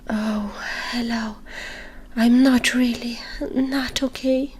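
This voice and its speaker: A woman voicing a weak, injured female dove in a muffled, whispered role-play voice, higher than her narration. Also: fairly even intonation, slow pace, darkish tone, slightly rough, exaggerated voice. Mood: weak, pained.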